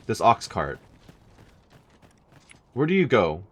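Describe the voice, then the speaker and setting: A man's voice: lowish voice, sing-song, slow. A man commentating casually as he plays a game, thinking aloud in a dry way. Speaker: gaming let's-player.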